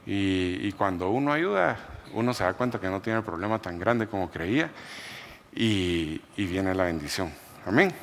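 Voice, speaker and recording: Lively low-voiced pastor telling a story. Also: male voice, normal speed, a little hiss or hum. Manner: storytelling, animated, laughs while telling. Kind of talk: sermon testimony.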